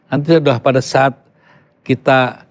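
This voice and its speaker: In casual podcast conversation, an older Yogyakarta man speaks in an unhurried, medium-pitched voice with fairly even intonation. He is emphatic and mixes English phrases into his talk, and he comes from Yogyakarta, Indonesia.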